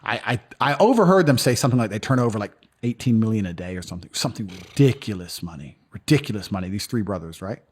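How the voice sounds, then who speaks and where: A man's voice: lowish voice, husky. A man telling stories in a casual interview, blunt and profane. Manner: fast, animated, profane storytelling. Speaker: guest.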